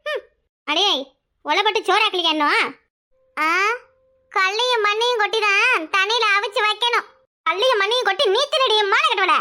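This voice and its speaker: In a full character voice, a woman plays a sharp-tongued, quarrelsome village housewife in a cartoon. Her scolding is rapid and very high-pitched, with a Kanyakumari Tamil accent.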